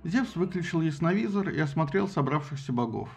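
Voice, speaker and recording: A man narrating an audiobook in an expressive, ironic storytelling manner. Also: fairly high pitch, a little fast, gravelly.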